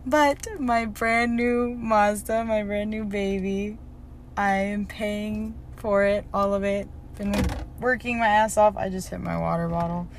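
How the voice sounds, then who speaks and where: A woman's voice: mid-range voice, fairly even intonation, measured pace, a little hiss or hum. A young woman vlogging in a candid diary style, reflective and emotional, rambling with many fillers and self-corrections. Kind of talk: personal diary vlog.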